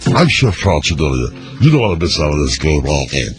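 A man playing a cheery TV chef in a parody infomercial, pitching his own tapes. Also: very animated, a little fast, over loud music. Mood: eager, selling. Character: cheery TV chef hawking his outtakes tape and stuffing recipe. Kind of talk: parody cooking show and infomercial.

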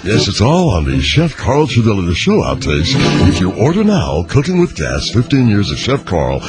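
A man playing a cheery TV chef in a parody infomercial, pitching his own tapes. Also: wildly swooping pitch, normal speed, loud music behind the voice. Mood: eager, selling. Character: cheery TV chef hawking his outtakes tape and stuffing recipe. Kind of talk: parody cooking show and infomercial.

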